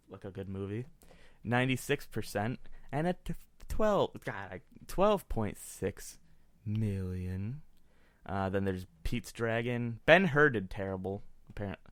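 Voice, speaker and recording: A man's voice: fairly low pitch, dry recording, studio quality. A man hosting a casual podcast, rambling with many restarts and reading out movie ratings. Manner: rambling, self-interrupting, reads out movie ratings. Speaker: podcast host.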